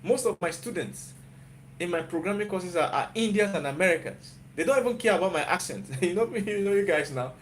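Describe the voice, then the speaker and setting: Here a YouTuber and software developer with a Nigerian accent delivers a live-stream pep talk in a high-pitched voice with lively intonation and a slightly fast pace. Again and again he encourages his viewers and checks in with "you get?", sounding motivational and repetitive. The clip carries a slight hiss or hum.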